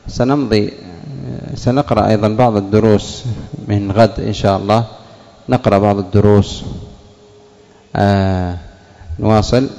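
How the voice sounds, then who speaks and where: A man's voice: lowish voice, warm tone. Man teaching in an echoey hall. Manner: asks questions then answers them, drawing out example words slowly. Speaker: sheikh teaching Arabic morphology. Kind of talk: classroom lesson explaining word roots.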